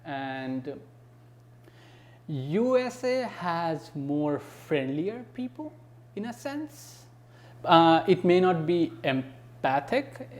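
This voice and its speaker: A man's voice: a little high, big pitch swings, very slow, long pauses. A young man from Nepal, chatting loosely as a podcast guest with plenty of fillers. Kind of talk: casual conversation.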